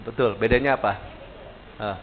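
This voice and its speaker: A man's voice: mid-range voice, normal speed, crowd noise. A man teaching a live sales training session, talking casually and putting questions to the audience. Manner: casual, animated, quizzes the audience. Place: training room. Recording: tinny lo-fi sound with faint hiss.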